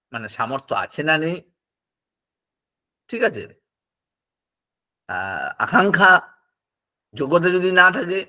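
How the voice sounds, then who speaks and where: A man's voice: sits high, bright, forceful tone. A man teaching Sanskrit poetics, explaining step by step with examples and often checking that students follow. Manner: explains with examples, asks frequent check questions.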